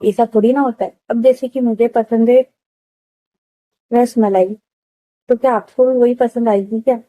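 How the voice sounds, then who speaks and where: A woman voicing a curious, eager young woman in her twenties who keeps asking questions, with a hoarse throat. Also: fairly high pitch, fairly even intonation, moderate pace, mellow, no room sound, close to an everyday voice, poor audio. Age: 20s. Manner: asks question after question.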